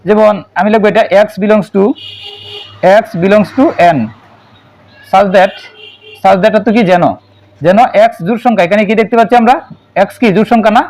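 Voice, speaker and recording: A man's voice: high-pitched, fairly even intonation, moderate pace, long pauses, darkish tone. A male math teacher with a Bangladeshi Bengali accent, giving a classroom lesson and quizzing his pupils, repeating their answers back.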